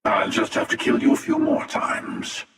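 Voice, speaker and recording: A man playing The Hunter, a cynical, menacing older villain in a video game, with a breathy rasp and a slow, sardonic, world-weary delivery. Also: very high-pitched, wildly swooping pitch, fairly bright tone, heavily acted. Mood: cold menace. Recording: long echoing reverb, distant from mic.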